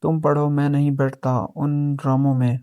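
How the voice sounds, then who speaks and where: A man's voice: fairly high pitch, level tone, dark tone, clear, resonant tone, no room sound, clean studio sound, natural voice. A man voicing a cold, proud young heir in a storybook reading, with curt lines.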